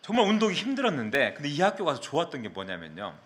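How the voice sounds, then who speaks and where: A male pastor from the Mokpo area tells a personal story in his sermon. His voice sits a little high for a man and sounds bright and forward. He is very animated and swings widely in pitch as he acts out the story. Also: rapid-fire. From South Korea, Mokpo area.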